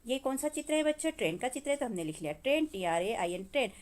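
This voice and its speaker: A woman teaching children from a workbook with a Hindi accent, reading English lines slowly and then explaining them, often calling out to the kids. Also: high-pitched, sing-song.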